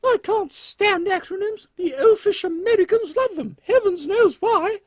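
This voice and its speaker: A man's voice: very high-pitched, moderate pace, no room sound, studio quality, voice pushed up. A man voicing an imperious elderly English queen in an audio comedy, pompous, commanding and given to exclamations. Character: imperious elderly Queen Victoria, haughty, thrill-seeking royal lady.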